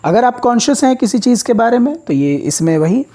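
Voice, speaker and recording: A man's voice: extremely high pitch, big pitch swings, a little fast, mellow. A man teaching English vocabulary as a classroom lecture, explaining words patiently, step by step.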